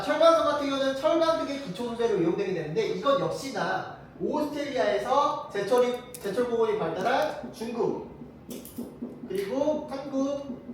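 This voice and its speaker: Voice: mid-range voice, a little hiss or hum. Teacher lecturing in a very echoey room. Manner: casual, quizzes students with quick rhetorical questions. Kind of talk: classroom lecture. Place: classroom with students present. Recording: very echoey room, mic far off.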